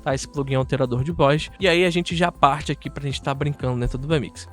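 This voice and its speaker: A man's voice: mid-range voice, brisk, soft background music. A man with a Brazilian Portuguese accent hosting a casual video tutorial, chatting straight to viewers and often checking in with short tag questions. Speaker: host of an audio software tutorial channel.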